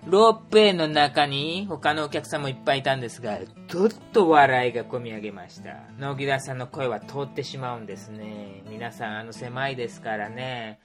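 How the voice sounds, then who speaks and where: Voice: medium pitch, brisk, few pauses, soft background music. A playful storyteller recapping a group trip, full of puns and little sound effects. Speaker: tour organizer recounting a trip. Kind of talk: casual spoken trip recap.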